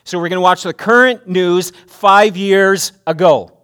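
A man's voice: sits high, unhurried, a bit bright, smooth. A man preaching a sermon at a pulpit microphone in a church, earnest, often restarting phrases and building to emphatic preaching. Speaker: pastor. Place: church sanctuary.

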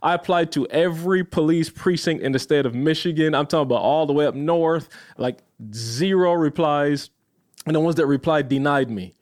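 Man from Barbados, podcast guest, animated storyteller, voice a bit high. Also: normal speed. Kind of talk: casual storytelling.

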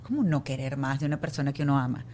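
A middle-aged woman from Venezuela, a guest in a casual interview, speaking softly and earnestly about family and grief. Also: very deep voice, racing, slight background noise. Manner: soft, reflective, earnest. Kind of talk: casual conversation.

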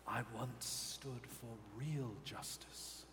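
A man's voice: steady tone, very slow. A man voicing a grave, remorseful devil. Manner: quiet, low and grave. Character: Asmodeus, a remorseful male devil, solemn. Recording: live hall reverb, faint noise.

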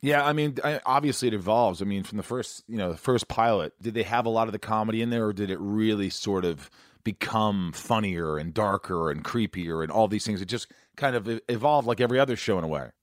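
A man from Indiana, an actor interviewing a fellow actor in a quick, chatty, joking way. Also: on the low side, no echo, clean studio sound. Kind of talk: casual interview conversation.

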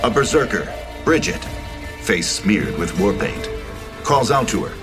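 Low-voiced man narrating a screenplay over music. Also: big pitch swings, a little slow. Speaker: narrator reading stage directions.

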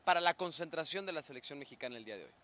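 A man's voice: a little high, expressive, rapid-fire, bright, forceful tone. A man hosting a sports talk show, teasing his co-hosts in a playful way. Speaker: show host.

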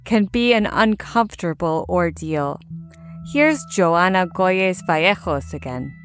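A woman hosting a podcast, reading scripted narration in a calm, even, polished way. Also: lowish voice, a little slow, soft background music.

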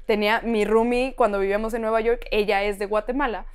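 A woman's voice: mid-range voice, steady tone, fast, a little mellow, clear, resonant tone. A Mexican woman co-hosting a podcast, telling stories in a frank, slangy, casual way. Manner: frank, slangy storytelling with frequent laughter. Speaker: podcast co-host. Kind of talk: casual chat.

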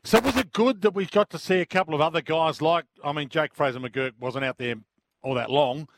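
A male sports radio host with an Australian accent, talking quickly in a slightly high voice. The style is conversational and the sound is dry and close. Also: creaky, no echo.

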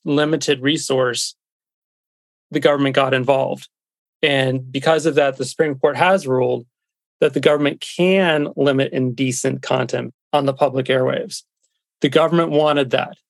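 A man's voice: mid-range voice, no echo. A man being interviewed as an expert, explaining in a conversational way.

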